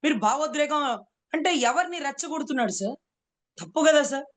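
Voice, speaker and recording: A woman's voice: high-pitched, expressive, brisk. A woman advocate giving heated political commentary, speaking rhetorically and repeatedly addressing her interviewer as "sir". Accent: Telugu.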